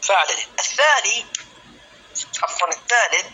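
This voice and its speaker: A man teaching a classical Arabic lesson, slowly spelling out word patterns syllable by syllable and calling students by name. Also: high-pitched, animated, bright, forceful tone, a little hiss or hum, poor audio. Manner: addresses students by name, asks if clear.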